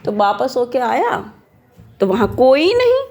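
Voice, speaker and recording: A woman storyteller telling a folk tale to children, often pausing to ask her listeners questions. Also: a little high, big pitch swings, a little mellow, slight background noise. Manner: asks listeners questions as she tells.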